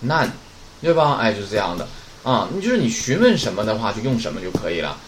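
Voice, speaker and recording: Lively male Japanese teacher, chatty. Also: fast talker, slight background noise. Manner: chatty, asks rhetorical questions and answers them; lively, swinging pitch. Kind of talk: casual vocabulary lesson.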